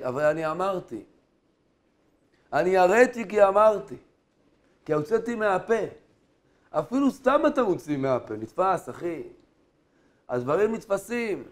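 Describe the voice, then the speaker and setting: A man preaching as a rabbi, telling stories with lively acted-out dialogue and questions to his listeners. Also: on the high side. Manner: animated storytelling, acting out dialogue, addressing listeners directly. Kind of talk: sermon.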